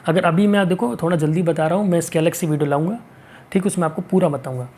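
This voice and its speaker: A male teacher going through exam questions, reading the English sentences out slowly and checking in often to ask whether it is clear. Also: fairly high pitch, darkish tone. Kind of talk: exam-prep lesson.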